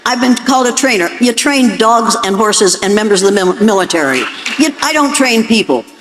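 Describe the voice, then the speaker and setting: A woman's voice: fairly high pitch, animated, normal speed, a little hiss or hum, low-quality recording. An older woman with an American accent speaks as an educator lecturing an audience, blunt, emphatic and commanding.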